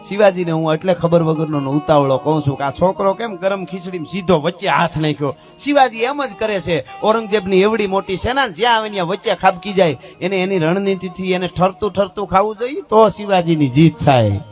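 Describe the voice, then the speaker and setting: A man's voice: sits high, faint music behind, lightly acted. A man doing a blunt old herder woman. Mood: instructive. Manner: scolding, drawn-out and emphatic. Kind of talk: folk storytelling.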